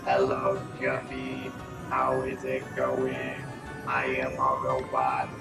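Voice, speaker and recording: A deep male robot voice made by a voice changer that pushes the pitch far down. It speaks slowly and flatly, like a machine. Game music plays clearly behind it. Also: echoey room, full character voice. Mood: mechanical. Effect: voice changer lowering pitch far down. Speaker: game streamer. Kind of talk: testing a voice mod on stream.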